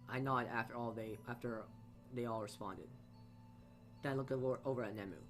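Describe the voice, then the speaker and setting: Soft music plays behind a man of medium pitch who reads a game's story aloud while playing, adding asides along the way. His intonation stays fairly even and his pace is a little fast, though he keeps tripping over words and repeating lines, like a let's player working through a visual novel.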